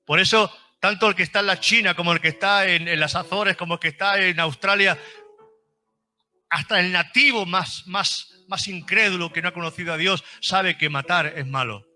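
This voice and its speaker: A man's voice: high-pitched, moderate pace, pushed and bright, faint music behind. A man preaching a fervent sermon at a church service, repeating phrases for emphasis. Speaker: pastor.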